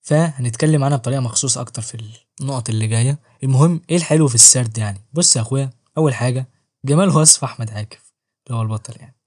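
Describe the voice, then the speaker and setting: A man with an Egyptian Arabic accent hosts a casual book review vlog on his channel, speaking at a racing pace in a mid-range, darkish voice. He reviews a novel with jokes, slang, and self-mockery.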